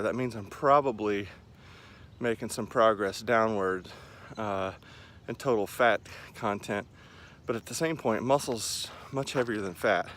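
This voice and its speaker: Low-voiced man in his forties, vlogging outdoors. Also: fairly bright tone. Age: 40s. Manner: rambling, self-deprecating, talking while pacing around. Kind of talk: casual running vlog chat to camera. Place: outdoors in a park by a lake. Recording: clear outdoor ambient noise.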